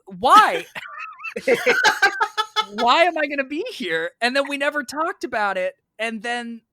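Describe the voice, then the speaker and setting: This man's voice is very high and a little slow, with a slight hiss or hum in the recording. A stage actor from New York, United States, he's a podcast guest casually sharing a personal anecdote, animatedly playing both parties in conversations he recalls.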